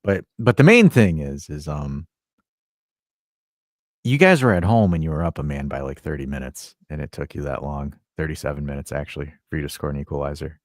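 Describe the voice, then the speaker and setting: A man's voice: a bass voice, animated, fairly quick, dry recording, clean studio sound. A man from the United States co-hosting a casual sports podcast, ranting with plenty of profanity. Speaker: podcast co-host.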